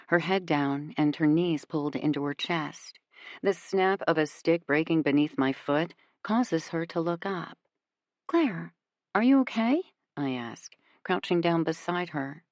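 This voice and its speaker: A woman narrating a first-person audiobook in a measured, intimate way. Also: lowish voice, no echo. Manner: measured and intimate, voicing each character.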